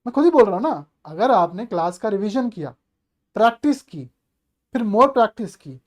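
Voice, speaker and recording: A man's voice: high-pitched, sing-song, normal speed. A male maths teacher giving an online exam-prep lecture, chatty and coaxing, asking the class rhetorical questions and mixing English terms into his explanations.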